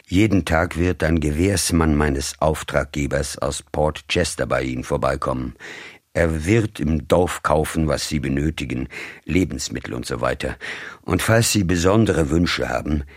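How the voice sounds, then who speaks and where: A man reading a cold, formal gentleman's agent. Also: rumbling low, no room sound, clean studio sound. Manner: cold, formal, measured, turning commanding. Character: cold, commanding middle-aged male agent of a rich employer.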